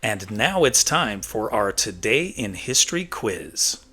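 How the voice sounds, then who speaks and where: A middle-aged man from the United States hosting a history show, reading scripted narration in a crisp, presentational way. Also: lowish voice, sing-song, slow pace, pushed and bright. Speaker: host of a daily history show. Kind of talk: scripted narration for online video. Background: background music.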